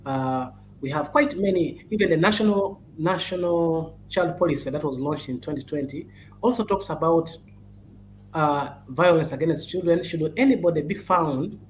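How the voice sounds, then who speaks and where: Halting man urging parents. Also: fairly high pitch, a little hiss or hum, rough recording. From Uganda. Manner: halting and repetitive, with many "uh"s and restarts, urging earnestly. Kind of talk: advocacy talk, addressing parents and caregivers.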